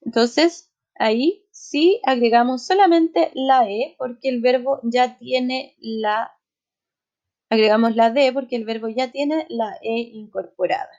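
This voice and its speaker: Slow, patient teacher explaining grammar. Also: female voice, on the high side, a little mellow. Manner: explains step by step, often checks with "¿ya?". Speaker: English teacher. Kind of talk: recorded class lesson. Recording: slightly dull, lo-fi sound.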